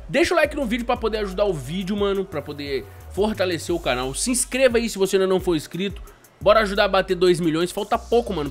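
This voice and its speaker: A Brazilian man hosting a gameplay video, excitable and slangy, calling everyone mano. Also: high-pitched. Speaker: gaming YouTuber host. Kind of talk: casual gameplay commentary.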